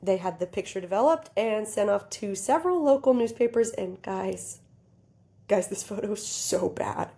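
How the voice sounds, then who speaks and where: Woman podcast co-host, mellow tone, giggly casual storyteller. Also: mid-range voice, moderate pace. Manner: giggly, animated, talks straight to listeners.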